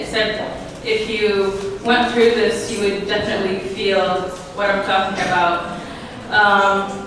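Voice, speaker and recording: Nervous teenage girl in an echoey hall. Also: medium pitch. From Syria. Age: teens. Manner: nervous, hesitant, laughs often. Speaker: new citizen speaker. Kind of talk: nervous personal speech. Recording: echoey hall from far off, noisy.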